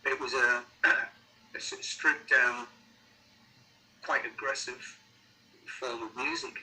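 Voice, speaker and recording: A middle-aged or older man with a Sunderland accent, chatting casually as an interviewed musician, halting and repeating words as he thinks. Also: medium pitch, steady tone, sharp tone, rough recording. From Sunderland, North East England.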